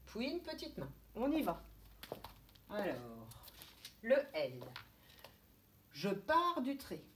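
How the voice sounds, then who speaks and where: A woman, a kindergarten teacher giving a slow, step-by-step handwriting lesson to young children. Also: medium pitch, wildly swooping pitch, a bit bright, slight background noise. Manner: slow, step-by-step instructions, thinking aloud.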